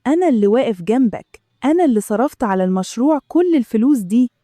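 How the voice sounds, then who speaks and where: A woman narrator doing a scheming Egyptian businessman who talks in a calm, insinuating way. The voice sits fairly high and has a mellow, rounded tone. It sounds dry and close, with no room around it. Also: quick pace, dry recording, close to an everyday voice. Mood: pressuring. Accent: Egyptian Arabic. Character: smooth-talking middle-aged male business partner, scheming.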